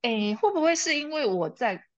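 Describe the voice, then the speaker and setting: A woman's voice: sits high, very animated, moderate pace, no room sound, muffled recording. A woman, a mother and interview guest, telling a personal story and often laughing. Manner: laughs often, quotes herself and her child.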